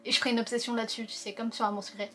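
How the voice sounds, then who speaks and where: A young woman with a slightly high voice hosts a story-game playthrough. She talks in loose, slangy chat, full of fillers, and reads the characters' lines aloud between her remarks. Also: little pitch movement, very fast, fairly bright tone, faint music behind. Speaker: let's-play host. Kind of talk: casual gaming commentary.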